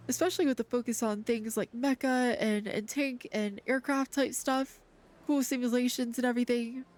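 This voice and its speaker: A woman's voice: high-pitched, a little mellow. A woman livestreaming a game, chatting casually in a cute, friendly anime-streamer manner. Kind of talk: casual livestream chat while playing a game. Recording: game music under the voice. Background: video game music.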